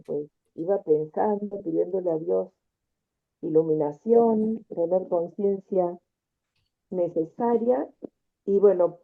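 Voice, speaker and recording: A woman earnestly sharing a personal story on a group video call, reflective and pausing often to find her words. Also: medium pitch, creaky. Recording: narrow phone-like video call audio.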